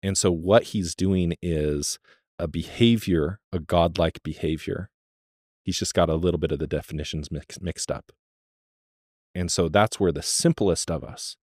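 A man's voice: low voice, a little mellow, dry recording, studio quality. A man co-hosting a podcast, explaining his thoughts on a book in a thoughtful, casual way. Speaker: podcast co-host.

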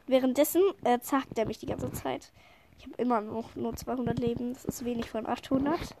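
A high-pitched woman with a slight cold chatters through a game with friends, quick to giggle and squeal. Her voice is bright and excitable, with faint noise in the background. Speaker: gamer playing with friends. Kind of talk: casual gameplay chat.

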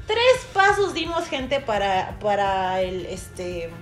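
A woman's voice: medium pitch, slow pace, roomy sound, music in the background. A young Mexican woman with a Mexican Spanish accent, co-hosting a casual podcast and telling a dramatic personal story with lots of fillers and acted-out quotes. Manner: animated storyteller, acts out shouted quotes, many fillers. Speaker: podcast co-host.

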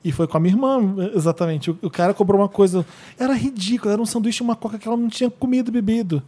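A Brazilian man telling a story quickly in casual podcast chat. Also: high voice. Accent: Brazilian Portuguese. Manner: fast, animated storytelling. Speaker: podcast co-host.

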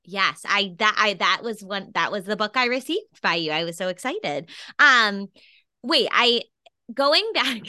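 A woman's voice: medium pitch, lively intonation, measured pace, sharp tone, no echo, studio quality. A woman hosting an interview show over a video call, enthusiastic and effusive as she talks. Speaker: podcast host.

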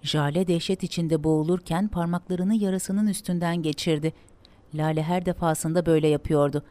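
A woman reading a dramatic story aloud in a steady, measured way. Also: on the low side.

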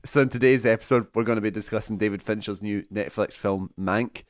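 Joking young Scottish podcast host. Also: male voice, lowish voice, steady tone, brisk, no echo. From Scotland. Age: young adult. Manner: jokey, laughs often, rambling fillers. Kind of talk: casual film podcast chat.

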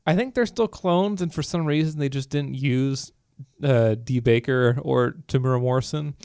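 A man co-hosting a casual podcast, talking fast and loose with lots of "like" and "you know". His voice sits in an ordinary middle pitch. The sound is dry and close, with no room around it. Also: smooth, no room sound. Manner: animated, filler-heavy geeky talk. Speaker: podcast co-host. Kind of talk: casual chat.

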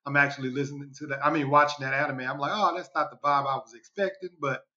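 A man's voice: medium pitch, fairly even intonation, fast talker, sharp tone. An American man co-hosting a podcast in casual slang, often repeating his phrases, on a slightly lo-fi recording. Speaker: podcast co-host. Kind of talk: casual chat. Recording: slightly dull, lo-fi voice track.

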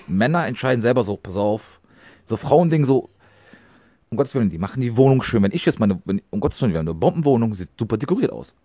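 A man's voice: medium pitch, big pitch swings, fast, dark tone, no echo, dull audio. A young man co-hosting a podcast, telling rambling stories in casual chat full of slang. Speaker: podcast co-host.

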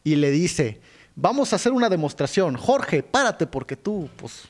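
A young man with a Mexican Spanish accent tells a movie story in a comic podcast. His voice sits high and he laughs often, peppering every line with crude slang. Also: sing-song, moderate pace. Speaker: podcast co-host. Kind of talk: comedic movie recap.

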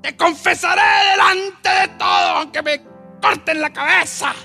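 A wave of the sea, brought to life as a zealot by a man preaching, shouts its vows in a soaring, strained voice. The pitch leaps far above a speaking voice. Soft music drifts underneath. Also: steady tone, measured pace, vocal fry, full character voice. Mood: fervent. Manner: shouting at the top of his voice.

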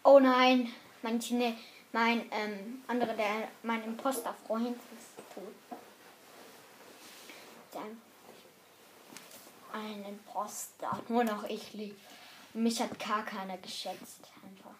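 A woman commenting live on her online game in German, excitable and swearing, often dropping to a whisper. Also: mid-range voice, takes it slowly, long pauses, a little hiss or hum. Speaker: gamer.

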